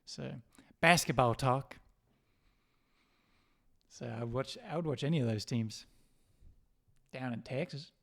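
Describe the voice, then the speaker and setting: A man's voice: mid-range voice, unhurried, vocal fry, long pauses, fairly bright tone. Man rambling casually on a livestream. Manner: rambling, joking, laughs often. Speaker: livestream host.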